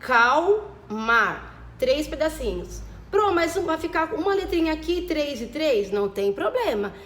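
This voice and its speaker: A woman teaching young children, spelling out words slowly and checking in with them often. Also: sits high, lively intonation, roomy sound. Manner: slow, over-enunciated dictation of words; affectionate diminutives and frequent check-ins. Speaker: primary school teacher. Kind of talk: recorded remote lesson for children.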